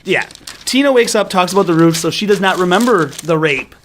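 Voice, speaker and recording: A man co-hosting a podcast, recapping a film and ranting in an animated way with casual swearing. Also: sits high, fairly quick, a little hiss or hum. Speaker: podcast co-host.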